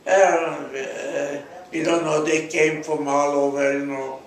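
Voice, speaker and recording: A man in his eighties from Hungary, recalling events slowly with many pauses and fillers as an interviewee. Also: a little high, fairly even intonation, echoey room, rough recording. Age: 80s. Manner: halting, many fillers, searching for words. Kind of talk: hesitant recollection.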